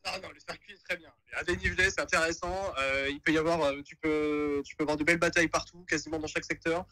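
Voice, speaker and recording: A man's voice: fairly high pitch, fairly even intonation, fast talker, pushed and bright, poor audio. Man heard over a phone on speaker. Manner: hesitant, caught off guard, many fillers. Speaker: caller phoned by the streamer. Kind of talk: casual chat.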